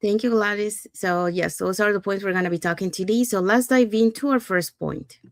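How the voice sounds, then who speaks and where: A woman's voice: medium pitch, moderate pace, dry recording. A woman from Panama hosting a live online panel talk in an upbeat way, often linking her thoughts with "so" and "you know," over a video call. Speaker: host.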